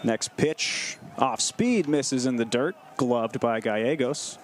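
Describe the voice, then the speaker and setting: A man's voice: mid-range voice, takes it slowly. A man doing live baseball commentary and play-by-play from an outdoor ballpark.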